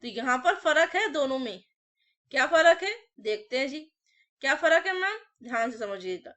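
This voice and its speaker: A woman's voice: high voice, sing-song, normal speed, pushed and bright. A woman teaches an English vocabulary lesson. She drills words over and over in lists. She speaks to her students as if to children. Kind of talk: classroom vocabulary lesson with memory tricks.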